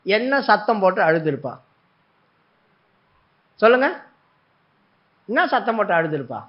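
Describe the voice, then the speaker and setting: High-pitched guy preaching, acts out the story, muffled lo-fi sound. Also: measured pace. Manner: animated storytelling, acting out prayers and God's words. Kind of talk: sermon. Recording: dull lo-fi recording.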